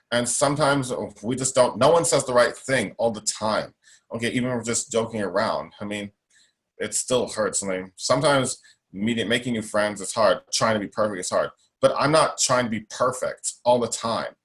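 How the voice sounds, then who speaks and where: Poor audio captures a young man with a fairly low, strong voice being interviewed as a guest. Speaking up for himself, he's outspoken and emphatic and keeps repeating himself.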